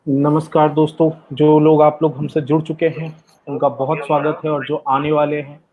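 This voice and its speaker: A man hosting a live online book discussion, his voice echoing back with polite, unhurried welcoming talk. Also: a little high, little pitch movement. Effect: his voice echoes back. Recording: tinny phone-like online call.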